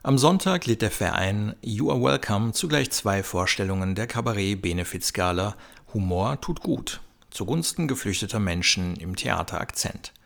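A man's voice: on the low side, lively intonation, normal speed, gravelly, few pauses. A man with an Austrian accent giving scripted narration and local announcements. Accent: Austrian German.

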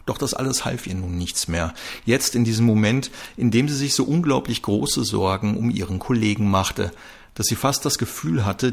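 A man's voice: lowish voice, creaky, slightly rough. A man reading a crime story aloud, narrating with drama.

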